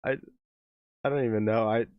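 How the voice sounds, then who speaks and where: A man's voice: lowish voice, fairly even intonation, normal speed, smooth, no echo, phone-quality sound. A man who is losing his voice, hosting a music reaction live stream and chatting casually with viewers, rambling and laughing between thoughts. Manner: rambling, self-interrupting, laughs often.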